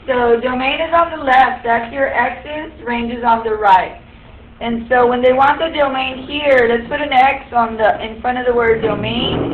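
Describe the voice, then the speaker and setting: A woman's voice: on the high side, slight background noise. A woman teaching a class, explaining step by step and quizzing the students. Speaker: high school algebra teacher. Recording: echoey room, tinny phone-like sound.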